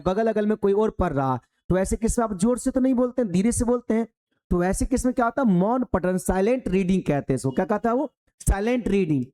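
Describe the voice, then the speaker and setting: A man's voice: high-pitched, darkish tone. A man giving a Hindi exam-prep lesson in a colloquial way, asking the class a question and then answering it himself. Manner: colloquial, addresses listeners as "babu".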